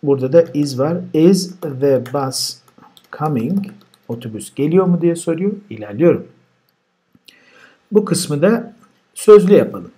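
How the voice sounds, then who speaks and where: A man teaching a recorded grammar lesson. He explains step by step, says example sentences slowly and deliberately, and adds dry asides. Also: fairly high pitch, lively intonation, dark tone, slightly rough. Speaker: language teacher. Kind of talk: recorded grammar lesson walking through exercises.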